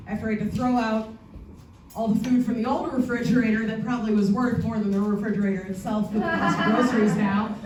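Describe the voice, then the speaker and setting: Far from the mic, this bawdy stand-up comedian in her 40s speaks in a voice on the high side. Her set, performed on a comedy theatre stage for a live audience in an echoey room, mixes deadpan punchlines with chatty, um-filled asides.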